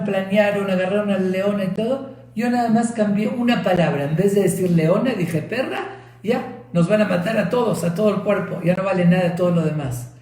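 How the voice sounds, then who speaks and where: A man's voice: sits high, darkish tone, roomy sound, voice pushed up, lightly acted. A man voicing a talking mouth in a parable, mocking and triumphant.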